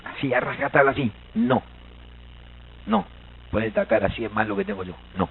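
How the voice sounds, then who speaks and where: An Argentine man lectures a seminar audience as a language teacher, lively and playful, tossing questions to the room. His voice is gravelly and sits at a middle pitch. The recording is thin and tinny, like a phone line. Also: normal speed, slight background noise. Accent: Argentine Spanish. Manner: animated, joking, quizzes the audience. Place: seminar hall.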